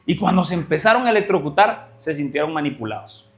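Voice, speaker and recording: Guest preacher, male, high-pitched, animated storyteller who acts out the dialogue. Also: fast, soft background music. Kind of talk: sermon storytelling.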